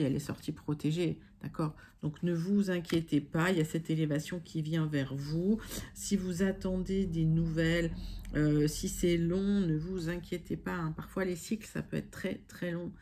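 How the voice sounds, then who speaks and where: Her voice is low and mellow, with a faint hiss or hum in the recording. This tarot reader chats with her online audience like friends, offering reassurance while frequently stumbling over fillers and self-corrections.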